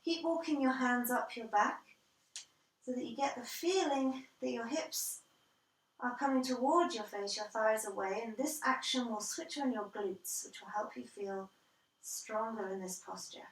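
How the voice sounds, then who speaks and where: A woman guiding a yoga class as instructor, calm and measured, step by step. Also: on the high side. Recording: roomy echo, distant from the mic.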